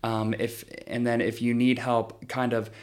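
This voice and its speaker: A man's voice: medium pitch, little pitch movement, measured pace, clear, resonant tone. A young man, a guest explaining his social media business in casual chat, talking freely with plenty of fillers. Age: young adult. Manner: chatty, lots of fillers like "um" and "you know".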